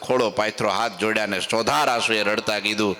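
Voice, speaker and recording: A man preaching a devotional sermon, telling stories and acting out the lines of the people in them, his voice climbing high on emphasis. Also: a little fast. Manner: animated, rises high on emphasis and acts out quotes.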